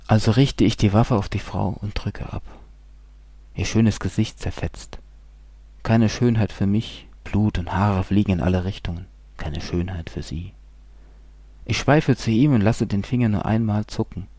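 Man, horror story narrator, dark husky tone, dry close sound, brooding, slips into whispers. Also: on the low side, dry recording. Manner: brooding, slow, drops often into hushed whispers. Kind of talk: dark first-person horror story reading.

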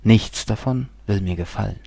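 Man, horror story narrator, dark husky tone, dry close sound, brooding, slips into whispers. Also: fairly low pitch, no echo. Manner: brooding, slow, drops often into hushed whispers. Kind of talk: dark first-person horror story reading.

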